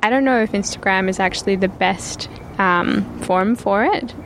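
A woman's voice: mid-range voice, normal speed, fairly bright tone, slight background noise. A woman from Perth with a Scottish accent, a writer guest in casual chat, hesitant and self-deprecating. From Perth, Australia.

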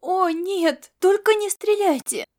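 A woman's voice: animated, moderate pace. A woman doing a tearful, pleading young xenobiologist. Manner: near tears, high and pleading.

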